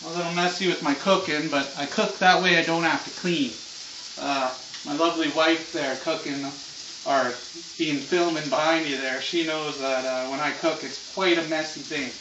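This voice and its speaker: A man with a slightly high voice talks through cooking in a loose, easygoing stoner drawl, casual and unscripted. He sounds some way from the microphone in an echoey home kitchen, and the sound is rather dull. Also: steady tone, moderate pace, background noise. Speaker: home cooking show host. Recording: muffled, echoey room, far from mic.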